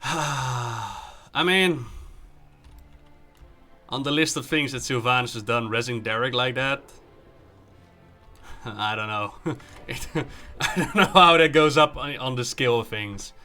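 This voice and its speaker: A man's voice: medium pitch, slow pace, pauses often, sharp tone, faint music behind. A man streaming a game, commenting live, joking, recapping the story and acting out dialogue as he reads.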